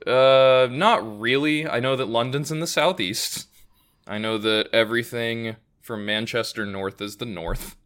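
A man's voice: medium pitch, a little slow, fairly bright tone, clear, resonant tone. A man co-hosting a casual podcast, talking in long, rambling thoughts with frequent self-corrections and wry asides. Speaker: podcast co-host. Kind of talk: casual chat.

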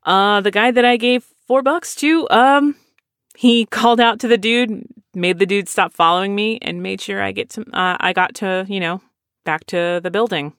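A podcast host in their late thirties answers listener questions in a loose, chatty way. They wander into tangents and poke fun at themselves. The voice sits at a middling pitch and is recorded dry, with no room sound. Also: normal speed, fairly bright tone, clean tone, no room sound. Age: 30s. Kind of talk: casual chat.

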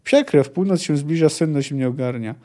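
A scornful young elf outlaw woman, as a man reads her lines aloud. She sounds sharp and dismissive, in a voice pitched high with a mellow tone. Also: moderate pace, close to an everyday voice.

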